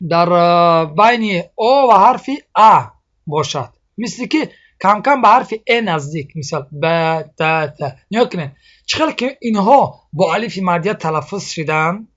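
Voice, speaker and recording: A man with a Tajik accent teaching Quran recitation, drilling example syllables slowly and often asking his students if they see. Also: sits high, lively intonation, a bit bright. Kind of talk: explaining a lesson on vowel sounds.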